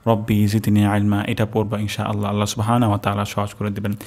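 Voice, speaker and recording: A man teaching the correct pronunciation of a prayer, slowly repeating each syllable in careful drills. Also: fairly low pitch, completely flat delivery, a little mellow. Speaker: Quran recitation teacher. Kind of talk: religious pronunciation lesson.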